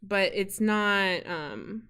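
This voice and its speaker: A woman's voice: mid-range voice, very slow, fairly bright tone, clear, resonant tone. A young woman co-hosting a casual podcast, chatty and upbeat, laughing often. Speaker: podcast co-host.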